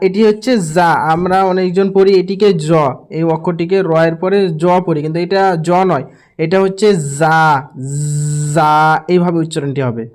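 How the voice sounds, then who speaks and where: A man's voice: sits high, a little fast, a little mellow. A man teaching how to pronounce each Arabic letter, repeating each sound several times. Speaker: Quran recitation teacher. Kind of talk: slow instructional lesson.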